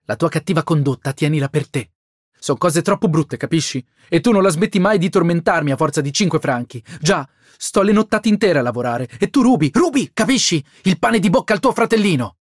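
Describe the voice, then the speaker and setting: A man's voice: a little high, animated, a little fast, no echo, clean studio sound. A man reading an audiobook and voicing an anxious, hardworking young woman who scolds her brother. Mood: scolding. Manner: scolding, exasperated.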